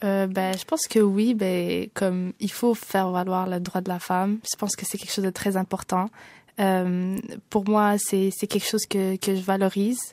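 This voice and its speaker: Young Québécoise woman, poet guest, earnest and halting, dry sound. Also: mid-range voice, little pitch movement, darkish tone, dry recording. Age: young adult. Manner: earnest, hesitant with fillers. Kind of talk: radio interview.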